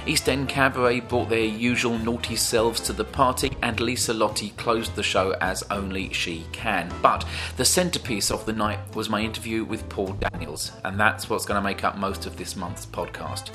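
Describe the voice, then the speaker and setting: A man's voice: on the low side, steady tone, normal speed, hardly any pauses. A man hosting a podcast with scripted narration, presenting as a performer himself. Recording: music behind the voice.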